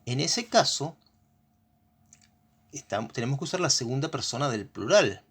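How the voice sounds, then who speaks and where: A patient teacher with an Argentine accent works through a grammar lesson. The speaker keeps stopping to check that the class is following with quick questions, at a middle pitch. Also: lively intonation, breathy edge.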